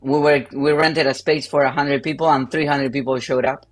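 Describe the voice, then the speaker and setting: Speaking English with an Argentine accent, this Spanish-speaking pastor from Argentina takes part in a panel over a livestream call. He is male, medium in pitch with little movement in it, and he halts often, leaning on many fillers.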